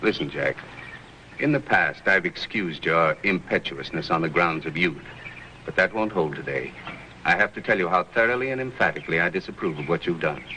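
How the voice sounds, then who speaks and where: A man's voice: low-pitched, expressive, fairly quick, bright, forceful tone, slight background noise, rough recording. An actor playing a stern, formal older banker lecturing his grown son.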